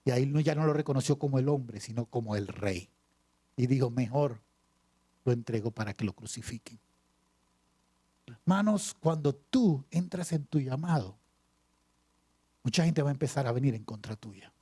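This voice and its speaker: A male pastor preaching a sermon, reading scripture aloud and pausing for emphasis with repeated phrases. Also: medium pitch, lively intonation, warm tone, slightly rough. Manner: preaching with dramatic pauses and repetition.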